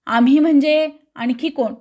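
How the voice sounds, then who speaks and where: A woman reading the part of a brisk, bossy young male police inspector who questions everyone sharply. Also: high voice, fairly even intonation, dark tone, slight background noise, lightly acted. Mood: stern.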